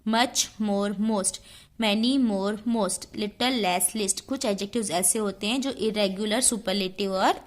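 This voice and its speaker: An unhurried woman teaches a grammar lesson, spelling out each rule word by word at a measured pace. Her voice sits at a middle pitch. Between the rules she shifts into quicker, chattier explanation. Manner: reads English rules slowly, then explains them quickly in Hindi.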